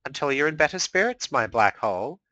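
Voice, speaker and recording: A man's voice: mid-range voice, sing-song, fairly quick, pushed and bright, dry recording, pitched above the performer's own voice, rough recording. A man voicing a smug male chaos spirit with a sly, mock-polite drawl.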